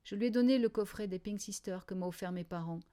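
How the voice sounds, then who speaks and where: A woman narrating a children's novel in the first person, in a quiet, wry diary style. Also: medium pitch, fast talker. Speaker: audiobook reader.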